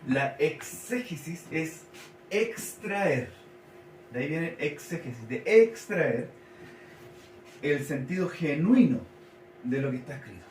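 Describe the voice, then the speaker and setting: A Chilean pastor delivers a teaching sermon in a slightly higher, expressive voice with a darkish tone, slowing to repeat and spell out key words. He's recorded from a distance in an echoey church hall, with faint noise underneath.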